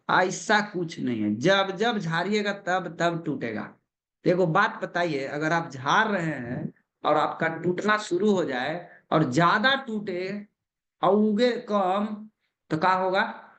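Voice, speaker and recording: A man's voice: a little high, fairly bright tone. A man giving a motivational business seminar as a trainer, putting questions to the crowd and answering them himself. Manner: repeats key points with emphasis.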